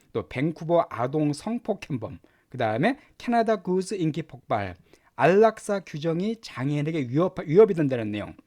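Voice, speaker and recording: A middle-aged man teaching English lessons, explaining words and pronunciation with lively repetition. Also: a little high. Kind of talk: Korean-language English lesson.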